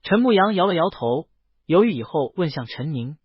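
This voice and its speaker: His voice a touch high and husky, a narrator delivers a scripted audiobook story at a moderate pace, with varied, lively intonation, captured in a dry, close, slightly muffled recording.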